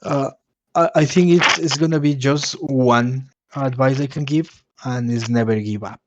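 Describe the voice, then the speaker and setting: A man's voice: mid-range voice, unhurried, heavy background noise. A man speaking as a game developer guest in a video call interview, his voice cutting out over a bad connection, hesitant and repeating words as he talks.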